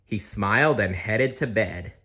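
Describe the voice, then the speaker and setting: This storybook reader is a man who takes his time, letting his voice rise and fall animatedly as he tells the tale expressively and drops in playful side comments.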